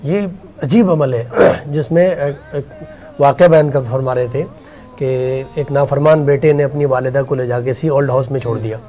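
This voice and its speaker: A man's voice: medium pitch, dark tone. A man hosting a religious talk show, asking the scholar questions and retelling anecdotes with feeling. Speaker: host.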